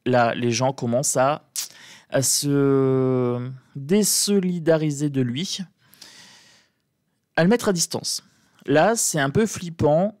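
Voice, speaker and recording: A man's voice: a little high, no echo. Sleepy-voiced man, close and dry. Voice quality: soft, sleepy morning voice. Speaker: tarot reader commenting on politics. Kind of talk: casual spoken commentary during a card reading.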